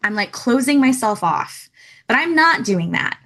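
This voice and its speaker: Podcast guest, woman, 30s, chatty storyteller, bright tone. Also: fairly high pitch, big pitch swings, measured pace. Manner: chatty storytelling with laughs and acted quotes. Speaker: guest, youth ministry speaker. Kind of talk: casual podcast interview.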